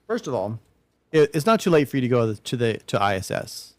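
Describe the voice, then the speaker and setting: A man's voice: medium pitch, sing-song, fairly quick, dry recording. A man chatting casually with a dry, teasing sense of humor. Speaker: US Air Force veteran. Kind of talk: casual chat.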